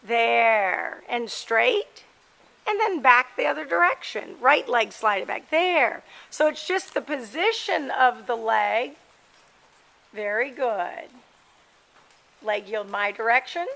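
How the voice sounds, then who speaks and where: A woman coaching a riding lesson, giving brisk, projected commands in short clipped phrases. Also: high voice, creaky, sharp tone, poor audio. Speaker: horse riding instructor. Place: outdoors in a large open-sided covered riding arena.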